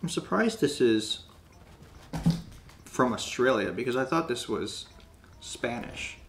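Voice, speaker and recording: A man's voice: medium pitch, animated, slow, noisy background. Playful, giggly man tasting snacks. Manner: playful, laughs often, jokey. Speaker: snack taste-test co-host. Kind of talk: casual chat.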